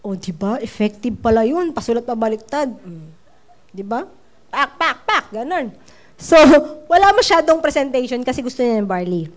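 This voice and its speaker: A woman's voice: fairly high pitch, big pitch swings, normal speed. A woman business trainer giving a casual training talk, chatty and playful with teasing asides.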